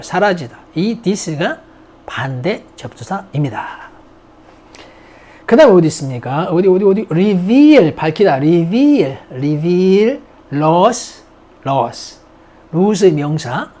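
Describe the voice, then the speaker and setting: An unhurried grammar teacher works through a vocabulary list, saying each English word several times before explaining it. The voice swings widely up and down, and the teacher keeps posing and answering their own questions. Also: medium pitch, darkish tone. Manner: drills words by repeating them, asks and answers own questions; mixes English words into slow explanations.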